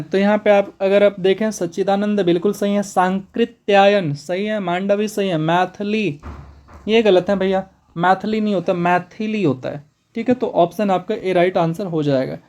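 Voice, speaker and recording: Man, high voice, exam coaching teacher, brisk, repetitive, chatty lesson. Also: darkish tone. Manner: brisk, repetitive, addresses students as bhaiya. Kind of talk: spoken exam-prep lesson.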